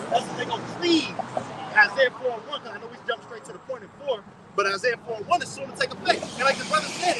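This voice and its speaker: A man's voice: extremely high pitch, background noise. A man leading a loose, streetwise Bible study discussion, reading scripture and preaching casually to a group.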